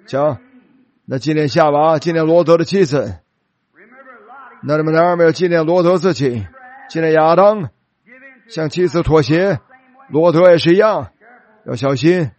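High-voiced man preaching a dramatic sermon. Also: darkish tone. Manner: dramatic storytelling, slows for emphasis.

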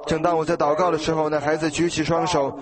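A man's voice: fairly high pitch, flat delivery, quick pace. A man preaching a sermon in an earnest, exhorting way, telling a story and acting out the dialogue. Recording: loud crowd behind the voice.

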